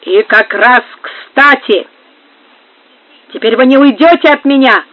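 A woman's voice: sits high, normal speed, no room sound, voice pushed up. A woman reading the part of an impetuous young male lover, exclaiming and pleading. The sound is dry and narrow, like a phone line. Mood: challenging.

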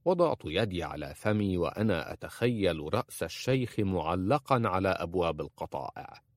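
A man narrating an audiobook in an expressive reading. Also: low voice, fairly quick, no room sound, clean studio sound.

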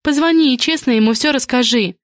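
A woman's voice: high voice, no echo, clean studio sound, voice pushed up, lightly acted. A woman reading a pleading, anxious mother. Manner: hurried, imploring. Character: anxious pleading mother, middle-aged female manager. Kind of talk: audiobook character reading.

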